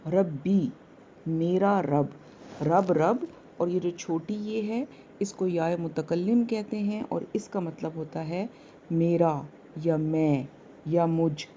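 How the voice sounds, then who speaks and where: Female teacher, low and mellow, very slow word-by-word lesson, muffled recording. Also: steady tone, a little hiss or hum. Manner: slow, repeats each word and its meaning. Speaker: Quran teacher.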